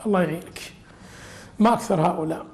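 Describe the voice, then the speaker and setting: A man's voice: high-pitched, quick pace, gravelly, darkish tone. A man teaching a religious lesson as a sheikh, explaining an old text with humorous asides.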